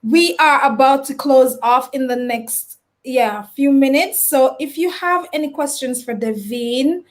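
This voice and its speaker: A woman hosting a casual live stream interview, animated as she greets viewers and reads out their comments. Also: high voice, measured pace, hardly any pauses.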